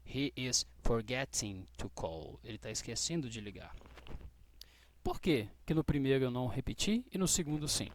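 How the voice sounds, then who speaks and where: A Brazilian man teaching English grammar to students, patient and checking in often with short questions, spelling out letters slowly. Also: mid-range voice, lively intonation. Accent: Brazilian Portuguese. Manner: spells out letters slowly, stressing key words. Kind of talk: explaining grammar rules to students.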